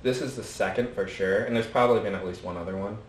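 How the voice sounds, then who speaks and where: A man's voice: on the low side, fast, reverberant, a little hiss or hum. A man in casual podcast chat, speaking hesitantly with many fillers as he recounts a concussion.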